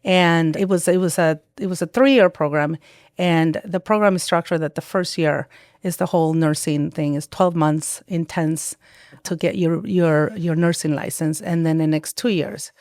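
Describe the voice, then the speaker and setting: Woman, lowish, dry close mic. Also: steady tone, normal speed, a little mellow, no room sound. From El Salvador. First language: Spanish. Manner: storytelling, frequent restarts and acted-out quotes. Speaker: guest, psychiatric nurse practitioner. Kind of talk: casual interview chat.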